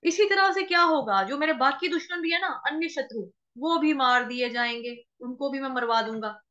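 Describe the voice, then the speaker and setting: High, bright woman teaching Sanskrit chanting. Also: dull audio. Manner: chants verse words very slowly and drawn out, then explains quickly; spells out letters and vowel marks one by one. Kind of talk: slow syllable-by-syllable chanting lesson.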